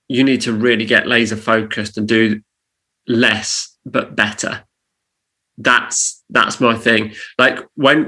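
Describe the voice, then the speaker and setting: A man's voice: medium pitch, pushed and bright, rough recording. A man co-hosting a casual podcast chat, giving advice in an earnest, emphatic, coaching way. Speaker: podcast co-host on church leadership.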